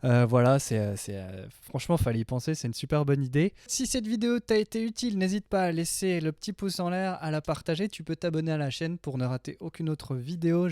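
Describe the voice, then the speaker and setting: A man in his 30s hosts a casual music production tutorial from a small home studio room indoors, speaking informally and a bit hesitantly. His fairly high, warm voice is picked up dry by a close studio mic on a boom arm.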